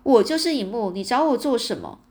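Brief: cocky young boy, read by a woman, proud and impatient, pitched up. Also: big pitch swings, moderate pace, darkish tone. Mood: defiant. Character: brash fearless young boy.

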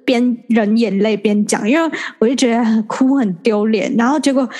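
A woman's voice: on the high side, moderate pace. Young Taiwanese woman telling a story. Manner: animated storytelling, acts out quoted dialogue. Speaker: podcast host. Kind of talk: casual chat.

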